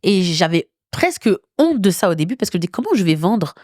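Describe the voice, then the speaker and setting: Woman in her thirties, from Belgium, lively and laughing. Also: lowish voice, fairly quick, dry recording, studio quality. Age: 30s. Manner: animated, laughs often, mixes in English phrases. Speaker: entrepreneur guest. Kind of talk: casual interview conversation.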